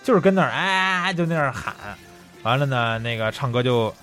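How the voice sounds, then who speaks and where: A man's voice: medium pitch, expressive, brisk, fairly bright tone, soft background music. A man co-hosting a podcast in casual chat, laughing easily and prompting his partner. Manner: chatty, laughs easily, prompts the other host. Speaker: podcast co-host.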